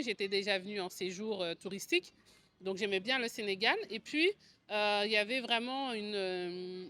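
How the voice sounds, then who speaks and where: With a medium-pitched, sharp-toned voice and a French accent, a woman in her forties from France tells her story to camera. She hosts a video channel, co-founded an agency, and speaks in a conversational, explanatory vlog manner.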